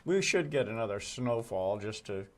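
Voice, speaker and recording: A man's voice: lowish voice, sing-song, normal speed, a crowd in the background. A man co-hosting a casual morning chat show, talking in a folksy way with wry, joking asides.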